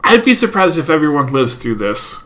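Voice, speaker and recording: Bright-voiced man co-hosting an anime podcast. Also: a little high, a little fast. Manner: talks through notes, steady and agreeable. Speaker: podcast co-host. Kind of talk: casual anime review chat.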